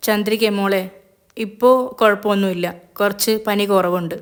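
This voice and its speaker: A woman's voice: mid-range voice, steady tone, normal speed, clear, resonant tone, lightly acted. A woman voicing a kind older mother figure who soothes and reassures the family. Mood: soothing. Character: kind older grandmother figure, calm and comforting.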